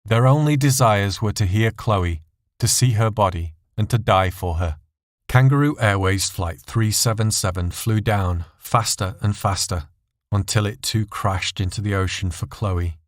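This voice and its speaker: Male story narrator, dark scripted fiction, low pitch, close dry sound. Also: a little slow, no echo.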